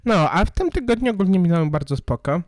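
A man's voice: high voice, animated, fast, darkish tone, no echo. A man co-hosting a podcast in casual chat, stumbling over words, with a slight lisp from a missing front tooth. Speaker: podcast co-host.

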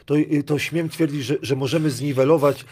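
A man's voice: on the high side, steady tone, moderate pace, a little mellow, husky. Middle-aged guy rambling about basketball tactics, lots of restarts, loose chatty delivery. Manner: rambling, restarts, laughs often. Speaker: basketball pundit and youth coach. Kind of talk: casual sports chat.

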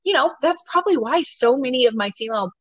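A woman's voice: high-pitched, lively intonation, fast, no room sound. A woman hosting a podcast, chatting casually, with a talkative manner, frequent laughs and many "you know" fillers. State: ten months postpartum. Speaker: podcast host and doctor.

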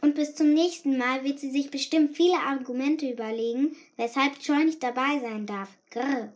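A woman's voice: sits high, moderate pace. A woman reading a first-person story aloud in a chatty, confiding way. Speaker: audiobook narrator. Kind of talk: scripted first-person narration.

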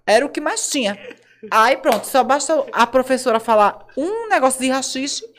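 A woman's voice: sits high, expressive, moderate pace. A young woman hosting a podcast in casual chat, frank and laughing often. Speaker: podcast host.

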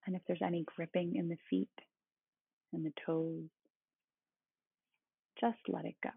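A meditation guide speaking in a calm, meditative tone with a husky, creaky voice. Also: medium pitch, measured pace. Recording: roomy, phone-like thin sound.

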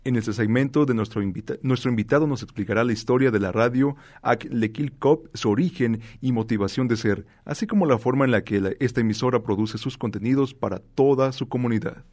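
Mid-pitched male host, measured scripted link. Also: darkish tone. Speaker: radio host. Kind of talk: radio segment introduction.

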